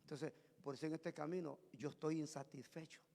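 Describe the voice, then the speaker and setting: A man preaching a Pentecostal sermon as pastor in a church sanctuary. He swings between booming shouts and low, intense murmurs. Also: steady tone, a little fast, gravelly. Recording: long reverb of a church hall.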